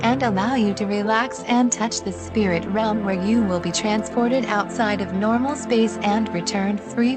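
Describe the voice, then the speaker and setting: A slow, gentle care robot voiced by a woman. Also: mid-range voice, lightly acted. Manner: soothing, slow, repeats and stutters words. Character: gentle female care robot, glitching and calm. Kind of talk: wellness retreat announcement. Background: loud music.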